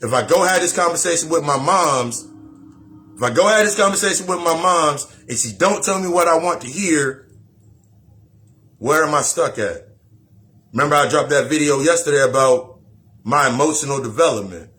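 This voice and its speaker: Man, slightly high voice, spiritual self-help talk, blunt, swears, repeats himself. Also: animated, normal speed, pushed and bright. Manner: blunt and profane, repeats phrases as he goes; preachy, talks straight to the listener.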